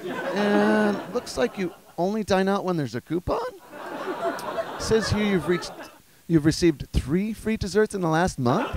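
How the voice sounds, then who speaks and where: A man's voice: high-pitched, expressive, unhurried, crowd noise, background noise. A man playing a condescending restaurant host who turns away a customer, in a stand-up bit. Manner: prim, patronizing, reading out faults.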